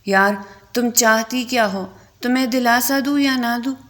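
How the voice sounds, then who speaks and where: A woman voicing a sharp-tongued, impatient young female friend in a story reading. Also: fairly high pitch, lightly acted.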